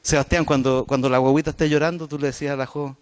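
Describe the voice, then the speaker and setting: A man's voice: mid-range voice, flat delivery, fast talker, clear, resonant tone. A man with a Chilean Spanish accent preaching a sermon in a church, talking directly to the congregation in a conversational way. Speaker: pastor.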